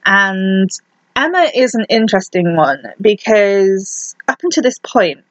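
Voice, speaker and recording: A woman hosts a podcast and talks through history in a relaxed, conversational way, dropping in dry, wry asides. Her voice sits at an ordinary middle pitch. The recording is dry and a little dull, with no room sound around it. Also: unhurried, no room sound. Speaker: podcast host. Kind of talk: casual history storytelling.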